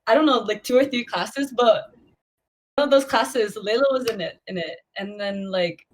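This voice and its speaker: A woman's voice: mid-range voice, normal speed, slight background noise, low-quality recording. A young woman co-hosting a casual podcast, rambling and giggling as she tells a story among friends. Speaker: podcast co-host.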